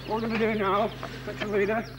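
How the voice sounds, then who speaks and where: A man's voice: sits high, level tone, fast. A man giving clipped, commanding orders and radio calls on a field exercise, repeating his instructions. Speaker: army course instructor. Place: outdoors on open moorland beside a track. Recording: noisy lo-fi outdoor camcorder recording.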